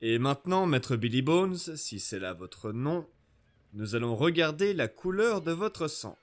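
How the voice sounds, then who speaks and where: A stern, no-nonsense country doctor, read by a man, snaps out orders in a curt, commanding way. His pitch moves lively up and down. He belongs to a storybook adventure read aloud. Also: measured pace. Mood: brisk. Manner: curt and authoritative. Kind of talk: audiobook reading.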